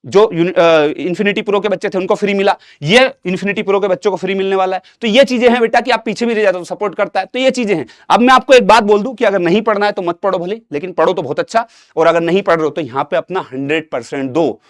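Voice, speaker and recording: A man's voice: sits high, fast, dry recording, clean studio sound. A young man teaching an exam-prep lesson, talking to students like an elder brother and repeating himself with rhetorical questions.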